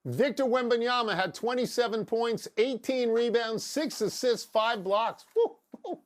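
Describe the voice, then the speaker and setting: A man's voice: very high-pitched, measured pace. An older man co-hosting a sports debate show, needling and sarcastic as he argues and reads stats. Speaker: sports talk show co-host.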